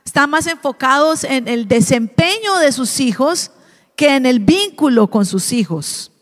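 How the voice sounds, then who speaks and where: Woman preacher, high voice, lively, interactive sermon, asks the congregation questions, long church hall reverb. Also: measured pace. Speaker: preacher at a family service.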